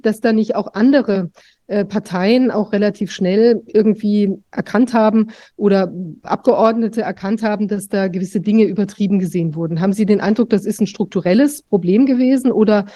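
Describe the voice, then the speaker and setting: A woman's voice: medium pitch, mellow. A woman interviewer asking questions with searching, hesitant phrasing.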